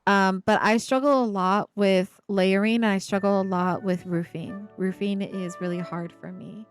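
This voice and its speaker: A woman from Ohio speaks with a subtle Appalachian-tinged accent at a middle pitch, her slight speech impediment showing on some words. She chats playfully with viewers as she builds, teasing back and laughing easily. Faint music runs underneath her voice. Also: steady tone, moderate pace. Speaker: streamer. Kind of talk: casual live-stream chat while building.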